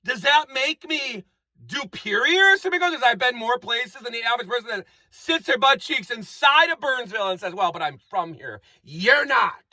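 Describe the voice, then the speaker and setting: A man's voice: very high-pitched, expressive, moderate pace, bright, forceful tone, no echo. A man giving a rambling comic monologue, repeating phrases and playing with made-up words. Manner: rambling, repetitive, playful wordplay.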